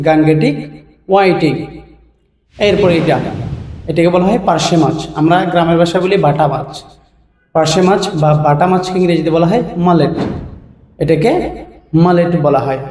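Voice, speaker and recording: A man teaching English vocabulary in a casual way, repeating each term slowly word by word and sometimes laughing softly. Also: high voice. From Bangladesh. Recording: roomy echo, voice heard from a distance, faint noise.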